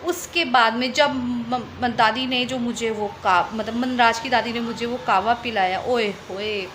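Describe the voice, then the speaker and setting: High-voiced young woman telling a story. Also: fairly even intonation, a little slow, a bit bright, slight background noise. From Delhi, India. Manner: chatty, repeats phrases for emphasis. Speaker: vlogger. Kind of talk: casual personal storytelling.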